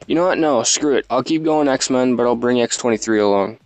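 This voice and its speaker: A man narrating his game session in loose, self-mocking chatter, his voice gravelly yet smooth. It is recorded dry and close, with faint game music underneath. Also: mid-range voice, a little fast, a little mellow, no room sound. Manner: rambling, self-mocking, laughs often. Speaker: let's play host. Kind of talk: casual gameplay commentary.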